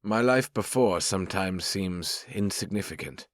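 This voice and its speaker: A man voicing a formal, wry male elf rogue in an audiobook, measured and dry. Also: low voice, no echo. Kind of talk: audiobook narration.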